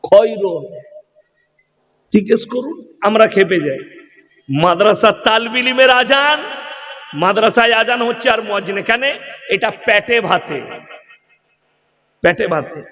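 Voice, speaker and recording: High-voiced preacher with a Bengali accent. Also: male voice, expressive, measured pace, long pauses, pushed and bright, big-room sound. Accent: West Bengal (Bardhaman). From West Bengal, India. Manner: mocking, fires rhetorical questions at the crowd. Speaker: Islamic preacher. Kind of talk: humorous sermon.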